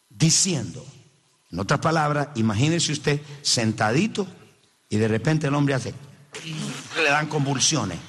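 Male pastor for a sermon: husky voice, very animated pitch, emphatic and direct with the congregation.

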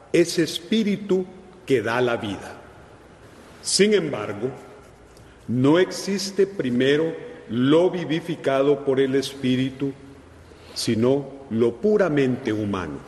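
A man reading scripture aloud as a lector at Mass, solemn and deliberate, phrase by phrase, with cathedral echo around the voice. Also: mid-range voice. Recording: very echoey church with long reverb.

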